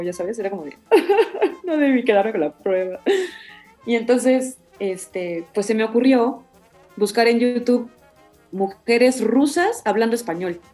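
A voice actress, talking casually in an interview and acting out the quotes in her story. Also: mid-range voice. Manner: animated, many fillers, acts out quotes.

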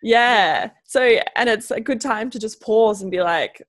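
A woman's voice: fairly high pitch, unhurried, no room sound. A woman hosting a casual interview podcast, talking in a chatty way with plenty of fillers and small laughs. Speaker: podcast host.

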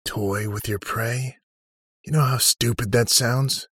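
A man's voice: mid-range voice, fairly even intonation, takes it slowly, a bit bright, breathy edge, no echo, clean studio sound, pitched above the performer's own voice. A man voicing a cocky young man who mocks a far stronger opponent with sarcastic taunts. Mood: mocking. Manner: mocking, sarcastic, defiant. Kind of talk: audiobook character reading.

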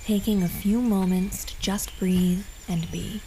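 A woman host narrating a scripted guided meditation in a calm, gentle, soothing and unhurried manner. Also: medium pitch, slight background noise. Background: background music.

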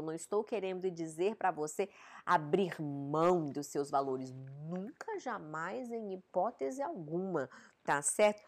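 A woman with a Brazilian Portuguese accent hosting a live-stream Q&A, answering viewers' relationship questions in a frank, direct way and often checking in with short tag questions. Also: on the low side.

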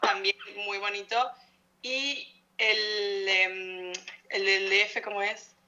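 A woman's voice: medium pitch, fairly even intonation, takes it slowly, lo-fi sound, a crowd in the background. A woman from Argentina with an Argentine accent, chatting as a podcast guest and telling stories with quoted voices. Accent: Argentine Rioplatense. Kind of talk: casual podcast chat.

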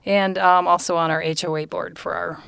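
A woman's voice: fairly low pitch, little pitch movement, fairly quick, vocal fry, a bit bright, clear, resonant tone, no echo. A woman in her sixties, a guest on a podcast, talking about her life in a brief, matter-of-fact way. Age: 60s. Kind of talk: casual chat.

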